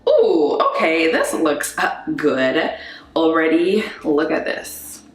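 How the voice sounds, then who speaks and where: Woman gushing over a beauty product on her vlog, lower voice, big bare bathroom echo all around. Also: wildly swooping pitch, slow pace. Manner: upbeat, gushing, talks straight to viewers. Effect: strong echo of a bare bathroom. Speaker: beauty vlogger. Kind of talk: casual chatty product review. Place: small bare bathroom indoors, just moved in. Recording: echoey bathroom recording.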